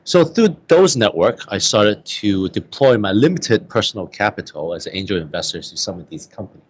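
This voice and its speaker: A man from Hong Kong and the Bay Area, answering interview questions about venture investing in a halting way, with many fillers and repeated words. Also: on the low side, expressive, slight background noise. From Hong Kong and the San Francisco Bay Area. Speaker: venture capital guest.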